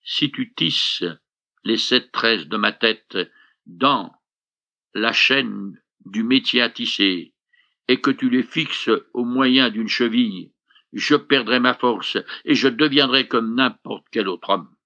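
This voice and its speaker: A proud, boastful strongman voiced by a reader speaks slowly and deliberately, his voice gravelly with a bright, forward edge. The recording sounds somewhat dull and lo-fi. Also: medium pitch. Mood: declaring.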